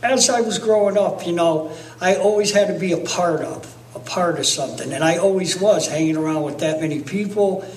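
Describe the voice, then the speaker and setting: A man in his fifties from Connecticut tells his story in a plain, reflective way. His voice sits fairly high and sounds echoey, picked up from a distance with a faint hiss behind it. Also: fairly quick, few pauses. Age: 50s. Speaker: interviewee. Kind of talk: documentary testimony.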